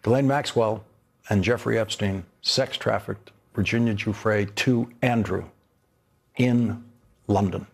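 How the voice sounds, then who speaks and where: A man's voice: on the low side, steady tone, gravelly, breathy edge. Indignant older man, news commentary. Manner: emphatic, indignant, deliberate. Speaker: news anchor.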